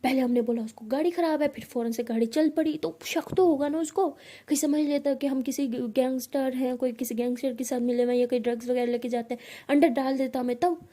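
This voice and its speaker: A woman's voice: high voice, fairly even intonation, brisk, mellow. A woman casually retelling a romance story in a chatty, conversational way.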